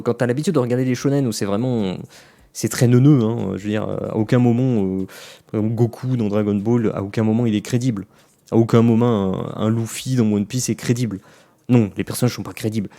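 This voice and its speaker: A man's voice: on the low side, dark tone. A man giving a casual, rambling spoken review of anime, talking straight to his viewers with lots of fillers and restarts. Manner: addresses viewers directly.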